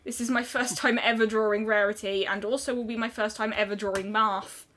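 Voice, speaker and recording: Chatty young British woman, bright voice. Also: mid-range voice, steady tone. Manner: chatty, rambling, quick restarts. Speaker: streamer. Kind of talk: casual chat while drawing.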